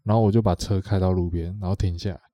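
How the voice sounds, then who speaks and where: A man's voice: low voice, steady tone, quick pace, warm tone. A man with a Taiwanese Mandarin accent telling a rambling story on a podcast, repeating himself and acting out what others said. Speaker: podcast co-host. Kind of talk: casual storytelling chat.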